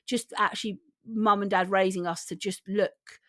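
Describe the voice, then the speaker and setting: A woman's voice: mid-range voice, steady tone, normal speed, dry recording, clean studio sound. Chatty English woman telling stories. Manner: chatty storyteller, many fillers. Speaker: podcast co-host. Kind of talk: casual chat.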